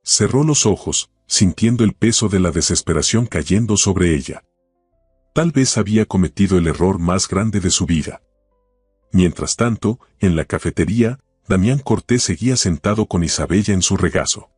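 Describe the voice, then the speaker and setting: Deep husky guy narrating a story, dry close sound, faint music under it. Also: lively intonation, moderate pace, darkish tone, dry recording. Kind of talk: scripted narration.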